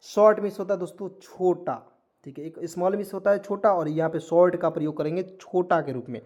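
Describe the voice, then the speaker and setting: A brisk, slightly mellow male voice pitched high leads an online English spelling and pronunciation lesson. Addressing the audience as friends, he breaks things down one word at a time and keeps asking questions he then answers.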